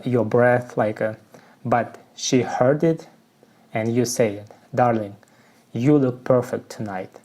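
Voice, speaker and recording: A man with a Russian accent explains song lyrics to English learners at an unhurried, careful pace. His voice is dark and mellow, and his speech is halting as he searches for the right word and leans on fillers. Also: mid-range voice. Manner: halting, searching for words, frequent "you know" fillers.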